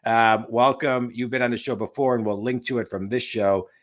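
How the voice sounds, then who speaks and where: This late-forties business coach hosts his podcast's casual interview chat via video call from a home office, speaking at normal speed with medium pitch and fairly even intonation. His style is emphatic and rambling, and he repeats his points.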